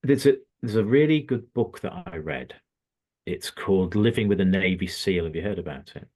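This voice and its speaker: Guy, coach, low-ish voice, telling a story and doing the quotes. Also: animated, normal speed, a little mellow. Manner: anecdotal, acts out quotes in the story. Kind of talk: casual storytelling chat.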